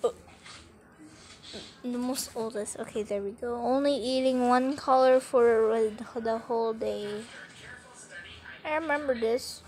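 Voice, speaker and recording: A teenage girl vlogger chats casually over a screen recording of her phone, giggly and easily distracted. Her voice is a little high and darkish, slow, with long pauses. It's captured on a phone mic.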